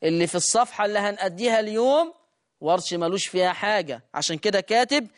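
In this classroom lesson, the recitation teacher speaks with an Egyptian Arabic accent at a medium, expressive pitch. Rhetorical questions come one after another, each promptly answered, while quoted verses are stretched into a slow chant.

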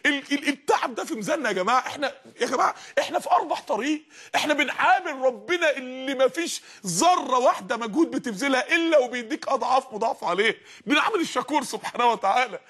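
A man's voice: very high voice, animated, rapid-fire, bright, forceful tone. A man preaching with an Egyptian Arabic accent, fervent and emphatic, raising his voice at times. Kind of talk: energetic religious lesson.

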